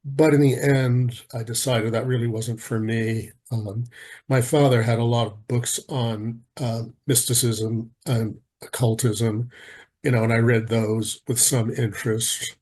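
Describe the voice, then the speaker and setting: Interview guest, man in his 60s, husky, halting delivery. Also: mid-range voice, level tone, darkish tone. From United States. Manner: hesitant, many ums and restarts. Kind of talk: casual interview answers.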